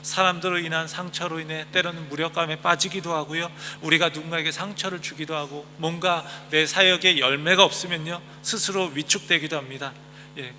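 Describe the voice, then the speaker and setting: Man pastor giving a sermon, soft chatty way of preaching, church hall echo, faint hum behind. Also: a little high. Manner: gentle, conversational preaching with soft polite endings. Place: church sanctuary.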